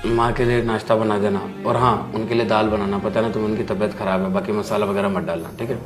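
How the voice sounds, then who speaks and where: A man playing a worried son and husband who keeps apologising and trying to calm others down. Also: fairly low pitch, fast, over music, lightly acted. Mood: plain. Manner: apologetic, placating. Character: worried grown son and husband, eager to please. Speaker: actor in a web drama. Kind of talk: dramatic dialogue.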